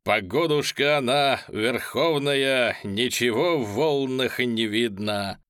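Man doing a bold, shouting defiant singer. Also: mid-range voice, big pitch swings, moderate pace, no room sound, clean studio sound. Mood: commanding. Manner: loud, commanding shouts. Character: bold defiant male singer, commanding and mocking.

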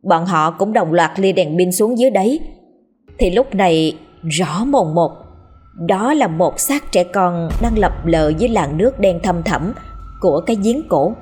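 A woman reads a ghost story in a steady, dramatic narration. Her voice is husky and sits a little low, with a faint music bed under it. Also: unhurried. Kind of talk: scripted horror story narration.

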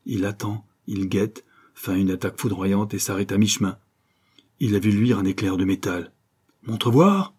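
A man's voice: low-pitched, level tone, normal speed, a little mellow, slightly rough. A man reading a novel aloud as an audiobook narrator, in an intense, dramatic delivery.

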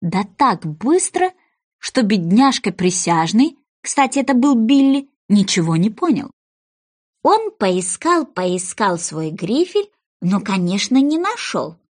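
A woman narrating a children's storybook in a playful, expressive reading. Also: mid-range voice, slow.

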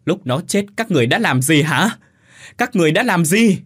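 A man's voice: fairly high pitch, expressive, normal speed, fairly bright tone, breathy edge, pitched above the performer's own voice. A man voicing a desperate young mother who wails and cries out in grief in a storybook tale. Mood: anguished fury. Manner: wailing, sobbing cries.

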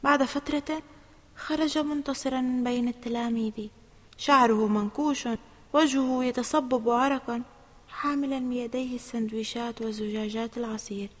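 Woman storybook narrator, fairly high, steady and expressive, reverberant room. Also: normal speed.

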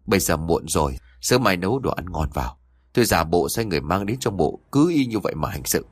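A man voicing a greedy, hot-tempered son who snarls at his mother and plots in a low growl. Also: big pitch swings, fast, no room sound. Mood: grim menace.

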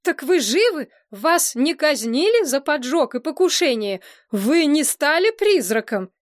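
Woman voicing a fussy old ambassador, gruff and scolding, dry close sound. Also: sits high, very animated, measured pace, no room sound, voice pushed up. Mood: shaken. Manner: agitated, stammering, then gruff and scolding. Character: fussy elderly male royal ambassador, stern but soft-hearted.

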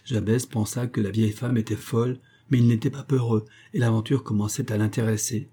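Dark, husky male audiobook narrator. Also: medium pitch, steady tone, a little fast. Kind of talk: reading a Victorian novel aloud.

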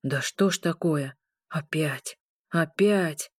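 A woman voicing a caring old grandfather who grumbles yet speaks gently, in a storybook reading. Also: on the low side, lively intonation, normal speed, dry recording, clean studio sound. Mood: fretting.

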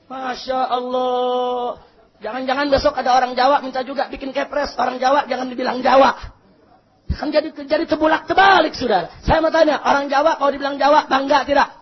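A man preaching a fiery sermon to a congregation, shouting questions for the crowd to answer and turning calm and measured for prayers. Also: extremely high pitch. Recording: muffled lo-fi recording.

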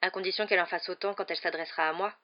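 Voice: medium pitch, steady tone, very fast, close to an everyday voice. A reader voicing a bitter, defiant teenage boy who answers curtly, in a dull lo-fi recording. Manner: bitter, curt replies.

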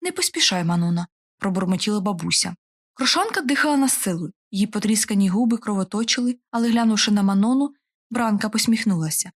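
A woman reading a fantasy audiobook aloud in a steady, measured storytelling way. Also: mid-range voice. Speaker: audiobook narrator. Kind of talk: audiobook narration.

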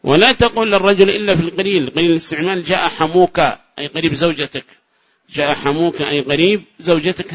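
A grammar teacher from Yemen gives a classroom lecture in a fairly high voice. He keeps checking his listeners with short rhetorical questions and repeats examples slowly. The recording sounds dull and lo-fi. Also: fairly bright tone.

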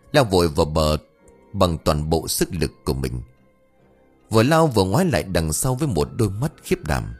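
A man tells a scripted horror tale in a low, husky voice that leaps wildly up and down in pitch. His delivery swings between loud, sharp rises and hushed drops. Soft music plays faintly behind him. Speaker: storyteller. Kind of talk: scripted horror story narration.

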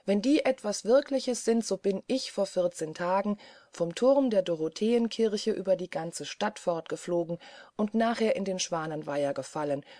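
Woman reading a sceptical young lady, storybook, brisk, mocking, dry close sound. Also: mid-range voice, mellow, no room sound, close to an everyday voice. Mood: lively. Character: lively, sceptical young woman who laughs off ghosts.

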